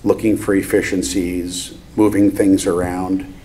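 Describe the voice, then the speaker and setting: A man with a low, mellow voice explains his views at a board meeting. He qualifies his points as he goes, with faint noise behind him. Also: level tone, measured pace. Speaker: board of finance member. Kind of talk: measured meeting remarks.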